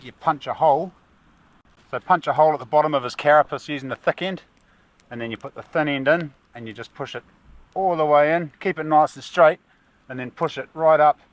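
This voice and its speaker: On an outdoor adventure vlog, a New Zealand man with a broad Kiwi accent speaks in a casual, slangy, laid-back way, his voice on the high side. The sound is lo-fi with no room sound, though the outdoor recording is noisy with ambient sound.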